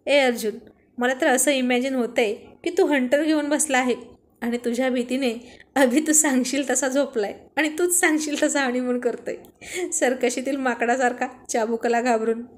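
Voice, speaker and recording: A woman's voice: high voice, steady tone, moderate pace, lightly acted. A woman voicing a cheerful young man who jokes with and soothes his friends in a spoken story. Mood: friendly.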